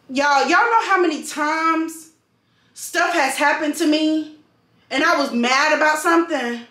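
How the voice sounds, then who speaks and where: A woman's voice: high voice, bright, forceful tone. A woman venting casually to camera, emphatic and repeating phrases for stress. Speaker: vlogger and call center customer service worker. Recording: echoey room.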